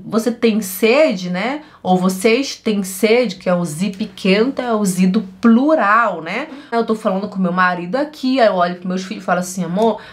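A woman with a Brazilian Portuguese accent teaching German, saying phrases slowly and adding quick asides. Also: mid-range voice. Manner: slow, drawn-out model phrases with quick asides. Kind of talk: online language lesson.

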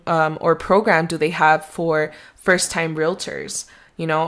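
On her own podcast, a real estate agent in young adulthood offers chatty, meandering advice in a lowish voice with a slight Mexican accent.

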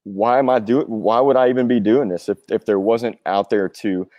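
A touring rock drummer in his forties is a guest in a casual chat, rambling earnestly and reflectively through personal thoughts. His voice is lowish, steady and dark at normal speed, and the dry recording sounds muffled.

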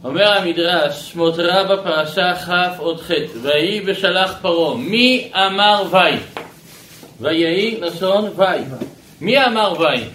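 High bright-voiced rabbi teaching. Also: male voice, roomy sound, a little hiss or hum, low-quality recording. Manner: animated teaching, asks the audience questions. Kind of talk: Torah lesson.

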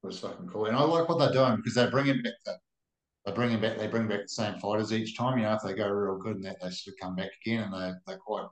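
A man with a broad New Zealand accent and a fairly low voice, talking casually like a mate on a combat sports podcast. He is blokey and swears freely. The sound is roomy and echoing. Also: fast. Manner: blokey, sweary, ends remarks with "eh". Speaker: podcast co-host.

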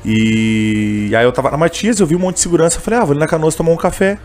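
A man's voice: a little high, quick pace, darkish tone, soft background music. A man telling a personal story in a casual interview, emotional and full of fillers. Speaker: interviewee, candy seller who sings on trains.

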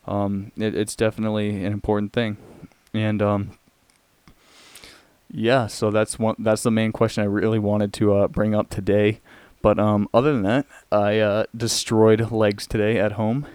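A young man hosting a casual solo podcast, talking in a rambling, halting way. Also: lowish voice, little pitch movement, darkish tone, clear, resonant tone, no echo. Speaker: podcast host.

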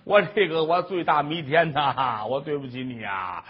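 A man voicing a remorseful old mother-in-law who exclaims loudly and apologizes in a fawning way. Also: on the high side, normal speed, husky, lo-fi sound, pitched below the performer's own voice. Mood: pleading.

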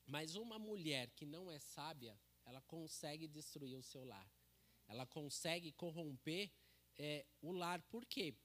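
A man's voice: a little high, expressive, unhurried, fairly bright tone. A man giving a casual church sermon into a handheld microphone, chatty and joking, with many tag questions. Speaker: preacher.

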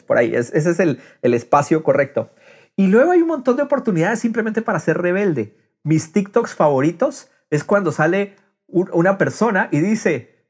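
A middle-aged man talks casually on a podcast, animatedly acting out quotes and slipping English phrases into his speech. His voice is a little high and creaky.

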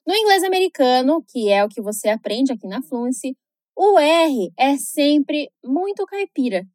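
A woman with a Brazilian Portuguese accent and a high voice leads a scripted English pronunciation lesson. She keeps a chatty tone with frequent tag questions, then slows right down to model each word with care. The sound is dry and close. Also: big pitch swings, darkish tone, no room sound.

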